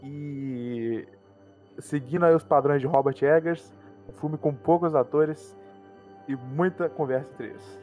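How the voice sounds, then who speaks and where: A man's voice: on the high side, a little slow, phone-quality sound, faint music behind. A man co-hosting a casual film review show, easygoing as he introduces the films and moves each segment along. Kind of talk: casual chat.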